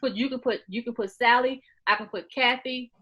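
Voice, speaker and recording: A woman's voice: on the high side, steady tone, a little fast, low-quality recording. A woman in her late forties, talking earnestly and a bit preachily as an interview guest, repeating herself as she makes her points. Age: 40s. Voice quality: loud by nature. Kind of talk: casual interview talk.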